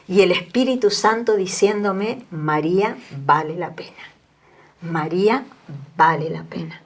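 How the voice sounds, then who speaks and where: A woman in her sixties with an Argentine Spanish accent, a guest telling her story with earnest emotion. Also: medium pitch. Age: 60s. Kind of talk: testimony in an interview.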